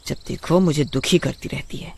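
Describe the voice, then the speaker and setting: A man voicing a cruel, bossy witch daughter-in-law in a cartoon story, shouting threats and orders. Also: mid-range voice, a little slow. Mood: scolding, menacing. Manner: loud, scolding, threatening.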